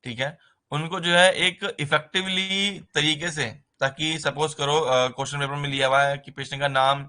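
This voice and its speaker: A man teaching a nursing writing-exam lesson in a conversational way, often pausing with a filler and mixing terms into his speech. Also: on the high side, steady tone, sharp tone. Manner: conversational, repeats "ठीक है" as a filler, mixes English terms into Hindi. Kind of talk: explaining exam basics in a recorded lesson.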